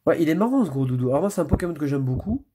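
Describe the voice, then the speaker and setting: Husky guy opening card packs, mumbling card names, chatty and loose. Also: a little high, sing-song, rapid-fire, mellow. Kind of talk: casual pack-opening commentary.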